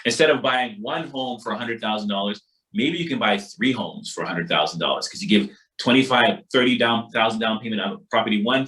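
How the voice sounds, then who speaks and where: A man from Barbados teaches a financial literacy workshop in an informal, motivational style, speaking emphatically and colloquially and repeating catchphrases. His voice is lowish and a bit bright, and the recording is rough.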